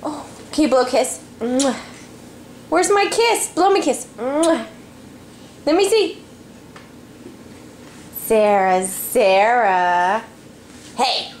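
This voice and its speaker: A woman's voice: high voice, lively intonation, slow, long pauses, slight background noise. A woman in a home video, coaxing her toddler in playful sing-song baby talk with lots of gasps. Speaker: parent filming her toddler.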